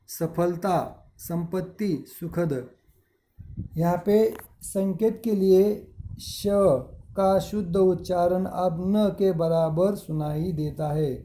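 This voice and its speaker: A male schoolteacher records a grammar lesson for his pupils, reading words out one at a time and explaining each point with care. His voice sits a little high for a man, yet it sounds mellow, and he talks very slowly. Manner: slow, deliberate word-by-word reading with explanations. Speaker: school teacher. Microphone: screen recording with device mic.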